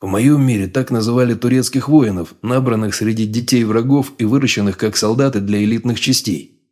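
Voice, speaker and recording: A male audiobook reader voicing a calm, monstrous mutant sage with a low growling voice. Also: lightly acted. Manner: calm, unhurried. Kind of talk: audiobook character voice.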